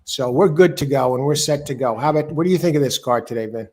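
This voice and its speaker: A man's voice: medium pitch, fast, a little mellow. A man hosting a casual live horse racing show, chatting through picks and greeting listeners. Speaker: host.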